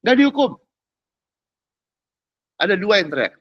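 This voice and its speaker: A man's voice: high voice, a little slow, no room sound, lo-fi sound. A man giving a casual, slangy sermon as pastor, often checking that his listeners follow. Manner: animated, slangy, keeps asking "ngerti nggak?".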